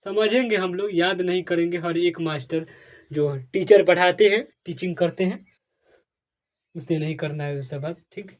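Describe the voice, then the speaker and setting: High-voiced man teaching with repeated questions. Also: a little mellow. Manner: asks and answers his own questions, repeats points; addresses viewers as dear friends, asks for comments. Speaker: English teacher. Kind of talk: Hindi tutorial on English pronunciation rules.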